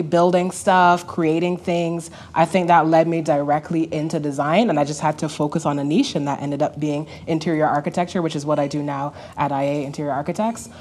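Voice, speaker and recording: A woman's voice: lowish voice, a little mellow. A woman from Barbados, an interior designer, speaking reflectively and earnestly on a panel. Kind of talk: panel discussion.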